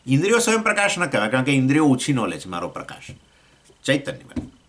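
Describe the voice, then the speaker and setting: A man with a Gujarati accent teaching a scripture class, explaining with questions to his listeners and swinging between raised points and low asides. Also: huge pitch swings, quick pace, a bit bright, slight background noise. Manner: explains with questions to listeners, acts out voices of elements. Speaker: swami teaching Vedanta.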